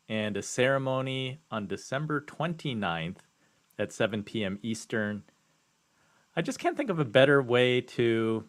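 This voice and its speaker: An easygoing man co-hosting a casual podcast, relaxed and friendly, sometimes laughing at himself. His voice is mid-pitched and plain. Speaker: podcast co-host. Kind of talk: casual live-stream chat.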